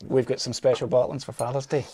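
A man's voice: medium pitch, flat delivery, fast, dark tone, slight background noise. A man co-hosting a podcast in casual chat, easygoing, often answering with short agreements. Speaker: podcast co-host.

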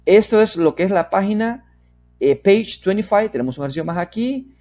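Husky man teaching step by step. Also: sits high, animated. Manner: drills phrases slowly, then explains in Spanish with frequent "¿verdad?" checks; models English sentences slowly and loudly, then softly. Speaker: English teacher. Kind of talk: step-by-step English lesson.

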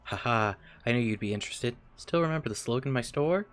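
A man reading as a smooth dream salesman. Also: lively intonation, fast talker, natural voice. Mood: salesy. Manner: upbeat sales-pitch read-aloud. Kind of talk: reading game dialogue aloud.

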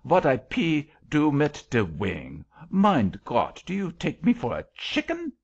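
Blustering German-accented Angel of the Odd, high-pitched. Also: male voice, sing-song, gravelly, slightly rough, muffled recording, full character voice. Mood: indignant. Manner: blustering, broken English, drawn-out emphatic delivery. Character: bossy, irascible little creature, self-styled odd angel.

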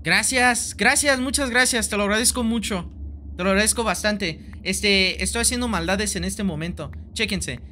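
Bright-voiced young Mexican man streaming. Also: high voice, moderate pace, a little hiss or hum. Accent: Mexican Spanish. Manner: playful, rambling, swears casually, repeats himself. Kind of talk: joking gameplay live stream. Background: faint background music.

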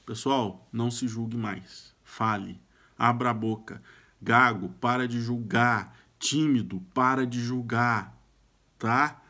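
A man's voice: mid-range voice, takes it slowly, bright, forceful tone. A Brazilian man giving self-help advice straight to camera in a casual, emphatic way, now and then repeating sounds at the start of a phrase. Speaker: YouTube speaker giving self-help tips.

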